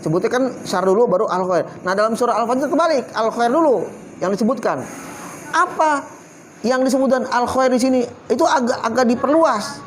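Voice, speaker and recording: High-voiced man quizzing his listeners. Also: brisk, a little hiss or hum. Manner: quizzes the audience with constant questions; mixes recited Arabic verses with casual slang. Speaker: Islamic religious teacher. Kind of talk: Quran study talk to a youth group.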